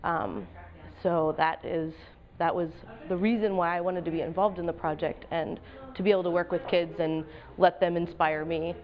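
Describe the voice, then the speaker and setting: An American woman giving informal interview answers in a halting, conversational, reflective way. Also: on the low side, steady tone, muffled recording. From Pennsylvania, United States. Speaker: professional photographer and project advisor.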